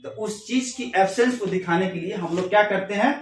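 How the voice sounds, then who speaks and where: A man teaching an English grammar lesson, who reads each example slowly and then explains it again in Hindi. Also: high voice, roomy sound, recorded from a distance, a little hiss or hum.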